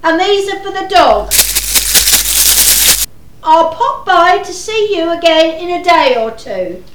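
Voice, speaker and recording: A woman playing a kindly neighbour who repeats herself loudly and slowly to a deaf friend. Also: very high-pitched, animated, reverberant, noisy background, full character voice. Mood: patient. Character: kindly neighbour woman, patient but exasperated.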